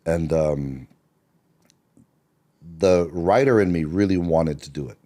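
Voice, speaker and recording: A very deep, mellow-voiced screenwriter from Seattle, Washington, slowly tells stories as a guest in a relaxed podcast interview. His delivery is loose and rambling, with many fillers and restarts.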